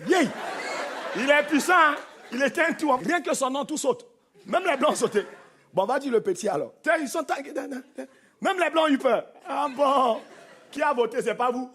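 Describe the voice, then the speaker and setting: A man with a Cameroonian French accent performing stand-up comedy on a theatre stage, animated and punchy, mimicking voices. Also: very high-pitched, normal speed. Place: theatre stage with live audience. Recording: live show with faint crowd and noise. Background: audience laughter.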